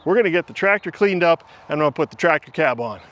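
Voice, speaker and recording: Chatty fifty-something man, slightly high voice. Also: expressive, fast talker, noisy background. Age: 50s. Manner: rambling, talks to himself while working. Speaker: channel host. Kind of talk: casual vlog talk to camera.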